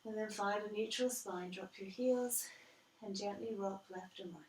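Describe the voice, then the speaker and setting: A woman guiding a yoga class as instructor, calm and measured, step by step. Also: medium pitch, a little hiss or hum. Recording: roomy echo, distant from the mic.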